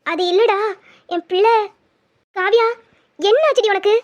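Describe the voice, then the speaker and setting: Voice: very high voice, a little slow. A performer voicing an anxious middle-aged mother who keeps asking worried questions about her daughter. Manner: pleading, fussing questions. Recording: dull lo-fi sound.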